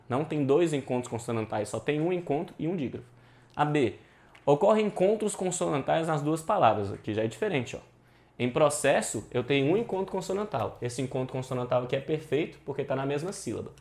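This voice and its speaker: A man's voice: fairly high pitch, vocal fry, a little mellow. A male teacher, explaining exam questions in a casual, slangy, emphatic way. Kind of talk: exam prep lesson.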